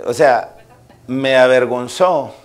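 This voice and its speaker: Here a man with a mid-range voice speaks slowly as he preaches to a congregation. He's a pastor with a Salvadoran Spanish accent whose sermon moves from folksy anecdotes told to listeners into emphatic, point-driving preaching.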